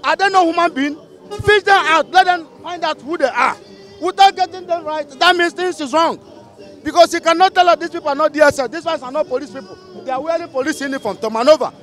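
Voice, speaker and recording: Indignant middle-aged Nigerian man, very high pitch, street vox pop. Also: fast talker, a bit bright, soft background music. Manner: indignant, rhetorical questions. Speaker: passer-by in street interview. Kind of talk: heated street opinion. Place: busy city street outdoors. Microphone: handheld mic held by interviewer.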